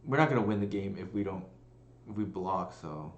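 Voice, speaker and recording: A man's voice: low-pitched, animated, fairly quick, reverberant, a little hiss or hum. A man streaming a card game, thinking aloud in a casual, hesitant way with many fillers. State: burping and coughing at times. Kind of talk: casual live-stream commentary.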